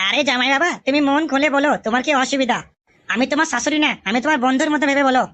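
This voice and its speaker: A woman voices a flirtatious mother-in-law in a cartoon, coaxing and wheedling in a bright, high voice at a very fast clip. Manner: rapid, wheedling.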